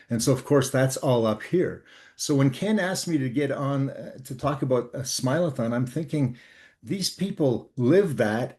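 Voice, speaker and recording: An older man from Canada, a guest author on leadership, telling a work story in an earnest, measured way with frequent pauses and fillers. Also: mid-range voice, a little mellow. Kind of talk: storytelling interview talk.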